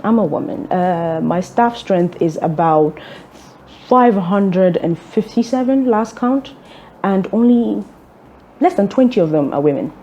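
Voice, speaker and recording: A young woman, an executive director, giving measured, orderly interview answers with occasional ums. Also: medium pitch, animated, dark tone, lo-fi sound. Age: young adult. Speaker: executive director of a fuel transport firm.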